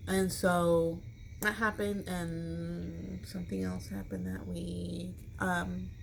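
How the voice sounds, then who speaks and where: With a low-leaning voice and vocal fry, a middle-aged American woman from Chicago vlogs to the camera. Her chat with viewers is casual, rambling, informal and slangy, and background noise is noticeable in the recording.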